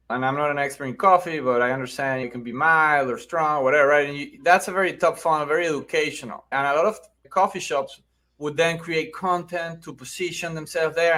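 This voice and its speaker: A middle-aged man with a Venezuelan accent speaks in a slightly high, somewhat bright voice. He's a marketing agency founder appearing as a podcast guest, explaining things conversationally and often checking in with "right?".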